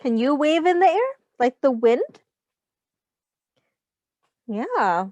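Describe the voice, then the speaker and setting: In a sing-song voice that sits high and has a darkish tone, a woman teacher slowly reads a picture book to young children. She teaches as she goes, explaining simple words, noting rhymes, and putting questions straight to the kids. The recording is dry.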